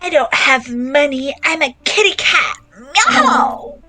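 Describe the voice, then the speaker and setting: Lady playing a meowy flirty kitty, high and bright. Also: lively intonation, takes it slowly, soft background music, heavily acted. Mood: stubborn. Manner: playful, meowing, goofy. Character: flirty, silly female kitty cat. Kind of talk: improv comedy scene.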